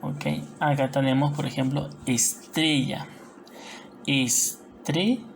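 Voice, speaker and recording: Low, gravelly Peruvian woman teaching. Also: a little slow, darkish tone, slight background noise. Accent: Peruvian Spanish. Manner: patient, explanatory, frequent tag questions. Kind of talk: recorded classroom lesson.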